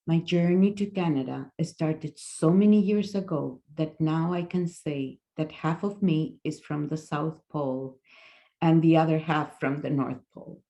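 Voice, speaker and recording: A Chilean woman in her sixties gives a talk over a video call in a low, gravelly voice. She speaks slowly with a mellow tone, pausing often with fillers and restarting her sentences. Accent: Chilean Spanish. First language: Spanish. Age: 60s. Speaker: guest speaker. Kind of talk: presentation talk.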